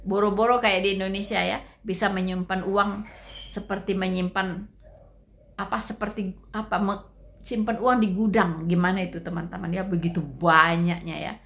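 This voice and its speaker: A woman's voice: medium pitch, flat delivery, moderate pace, creaky. A woman giving casual commentary to her viewers, chatty and full of trailing fillers. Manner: chatty, addresses listeners as friends, trailing fillers.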